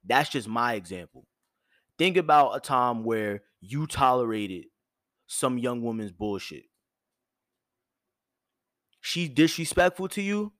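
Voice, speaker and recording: A man's voice: medium pitch, lively intonation, slow, pauses often, dry recording, studio quality. Blunt, profane man lecturing firmly. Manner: firm yet soft tone. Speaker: host. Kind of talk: direct advice monologue.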